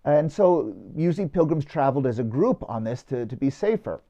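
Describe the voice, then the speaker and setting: Priest telling a story in a homily. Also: male voice, on the high side, big pitch swings, fairly quick, dark tone, muffled recording. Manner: conversational, with filler "uh" and restarts.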